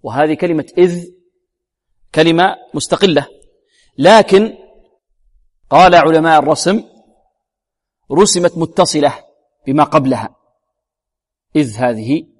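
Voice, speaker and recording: A man teaching Quran recitation rules, quizzing his listeners with repeated questions and slowly demonstrating each sound. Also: fairly high pitch. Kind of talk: tajweed lesson. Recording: long reverberant hall.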